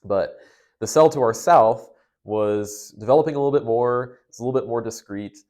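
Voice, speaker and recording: A man's voice: medium pitch, moderate pace, dark tone. A young man, a storm chaser, casually recounting a past experience step by step in a conversational, detailed way.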